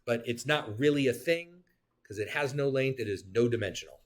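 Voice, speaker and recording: A man teaching a geometry class in a lively, talkative way. He keeps checking in with his students, and he throws in quick jokes and self-corrections as he explains. His voice sits at an ordinary middle pitch for a man. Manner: animated, joking asides, talks to students. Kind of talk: classroom lecture.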